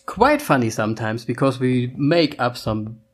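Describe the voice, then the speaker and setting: Speaking at a moderate pace in an expressive, medium-pitched voice, this podcast co-host in his thirties has a German accent from his Austrian birth and German upbringing. On the casual English-language show he runs with his partner, he now and then gropes for a word.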